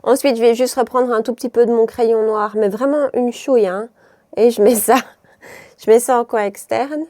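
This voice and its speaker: A fairly high, mellow voice belongs to a Belgian woman with a mild Brussels lilt, chatting through her makeup routine. She rambles, cuts herself off mid-sentence and laughs easily, recorded close and dry with no room sound. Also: fairly even intonation, moderate pace, dry recording. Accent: Belgian French, mild Brussels. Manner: rambling, self-interrupting, laughs often. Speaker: beauty vlogger.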